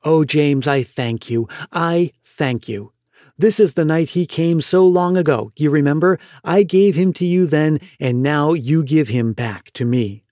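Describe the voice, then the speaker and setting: A man's voice: fairly high pitch, unhurried, no echo, studio quality, natural voice. Man reading as a tender, pleading mother. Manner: soft, pleading, emotional. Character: loving middle-aged mother, tender and pleading.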